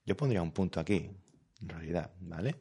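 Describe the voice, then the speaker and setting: A man's voice: low-pitched, animated, brisk, vocal fry, dark tone, breathy edge. A man teaching a live online language lesson, patient and explanatory, who checks often that his students follow. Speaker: Spanish teacher.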